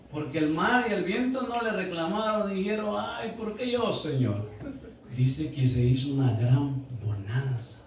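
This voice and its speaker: A male pastor preaches a sermon in a high voice. He is recorded from a distance in a very echoey church. He keeps asking rhetorical questions and calls on the congregation to clap. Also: slight background noise.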